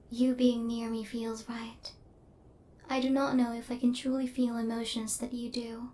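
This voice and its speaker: In an intimate ASMR roleplay, a woman portrays a female robot hunter who is coldly logical but possessive and tender toward her human target. Her natural, fairly high voice stays very level, using stiff, formal, clipped machine-like phrasing delivered deadpan. She moves from curious and pleased to hesitant and conflicted.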